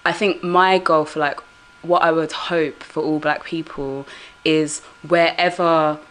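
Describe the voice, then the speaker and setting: A woman, a guest musician, talking reflectively in a relaxed chat. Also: low voice, unhurried, low-quality recording. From Britain. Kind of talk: casual chat.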